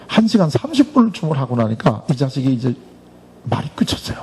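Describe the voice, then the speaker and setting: A man's voice: medium pitch, brisk, a little hiss or hum. A middle-aged man telling a story in a church talk, acting out the dialogue as he goes. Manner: animated storyteller, acts out quoted dialogue. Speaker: speaker at a church Bible school.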